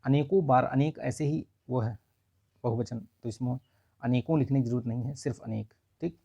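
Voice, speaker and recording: Male tutor, husky and gravelly, casual and explanatory, dry close recording. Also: medium pitch, moderate pace, mellow, dry recording, dull audio. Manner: explains answer by answer, says 'ठीक है' often. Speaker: Hindi exam tutor. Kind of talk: casual spoken lesson.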